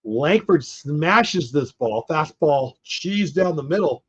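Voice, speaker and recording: A man hosting a live baseball watch party, excitedly calling plays and chatting with viewers, a bit hoarse as he is losing his voice. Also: on the high side, slow pace, muffled recording. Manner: excited, reacts to plays, talks to chat. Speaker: livestream watch party host.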